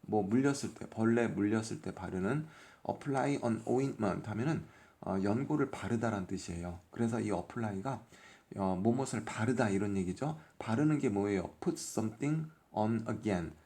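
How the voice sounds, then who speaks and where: A man's voice: on the low side, normal speed, mellow. A man teaching English phonics from a workbook, patiently sounding out each letter and explaining the meaning of each word. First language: Korean. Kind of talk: workbook lesson explained step by step.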